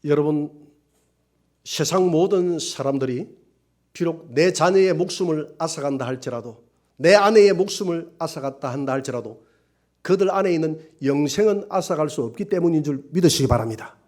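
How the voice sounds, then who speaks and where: A male pastor preaching a Sunday sermon with strong emotion, swinging between soft and loud passages. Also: on the high side, animated, moderate pace.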